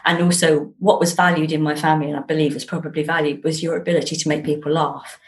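An author from London, England chats animatedly as a guest in a casual interview. She has a low voice and talks fast, emphatic and repeating words for effect.

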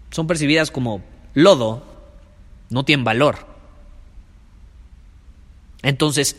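In this motivational monologue, a sales coach with a Mexican Spanish accent runs his podcast, hammering home his main phrases with emphatic, preachy delivery. His mid-range, slightly bright voice carries the sound of a large room.

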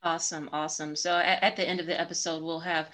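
A woman's voice: low-pitched, level tone, fast talker, sharp tone. A young adult woman hosting a casual interview podcast, upbeat and playful in manner. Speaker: podcast host.

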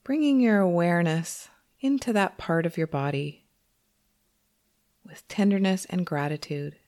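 Leading a guided meditation, a female teacher with a voice on the low side speaks softly and unhurriedly, letting long pauses fall between lines.

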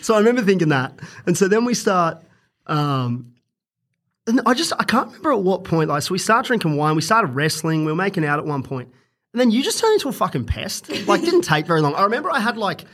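A young man on a podcast, telling a story in a crude, casual way and swearing freely, getting animated as he goes. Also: high-pitched, fast. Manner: crude, swears a lot, animated when retelling stories. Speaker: podcast guest.

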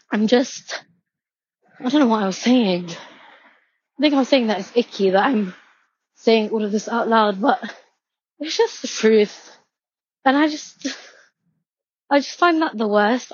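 A woman's voice: medium pitch, muffled recording, a little hiss or hum. A woman in her twenties rambling in a walk-and-talk vlog, out of breath as she walks outdoors and filling her talk with "like". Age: 20s. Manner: rambling, heavy use of filler "like". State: out of breath from walking. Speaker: vlogger. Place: outdoors, walking home from a station.

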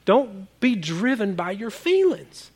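A man with a high, light voice preaching to his congregation. He talks in a loose, conversational way, repeating words and tossing in quick asides. He speaks from a church. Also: sing-song, darkish tone, breathy edge. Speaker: pastor. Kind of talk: sermon.

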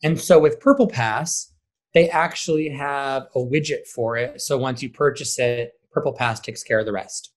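At a normal pace, this man, a high school theater director, chats through interview questions, driving his points home by saying key words more than once.

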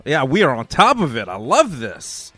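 A man's voice: medium pitch, huge pitch swings, normal speed, a bit bright, no room sound. Rambling male radio host, dry studio sound. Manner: rambling, full of fillers. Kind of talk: radio interview.

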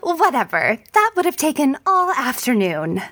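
A woman's voice: high voice, big pitch swings, moderate pace, fairly bright tone, no echo. A woman voicing a snobbish, showy teenage girl mage who talks down to others. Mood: haughty. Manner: haughty, dismissive.

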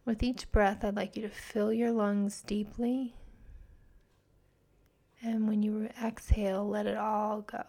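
A woman leading a guided meditation in a soft, breathy near-whisper, speaking slowly and gently. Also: medium pitch, little pitch movement. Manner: slow, gentle, hushed delivery. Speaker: podcast host and meditation guide.

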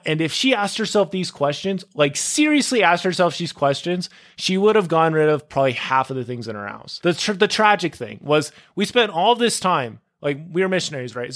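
A young man hosting his podcast alone, talking casually and going off on tangents, with lots of "like" and "dude.". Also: on the high side. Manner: rambling, goes off on tangents, full of "like" and "dude". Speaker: podcast host. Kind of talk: casual solo podcast monologue.

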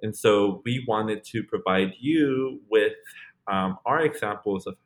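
Speaking unhurriedly in a lowish voice, this podcast co-host in his late twenties chats casually and rambles, with many fillers and restarts along the way.

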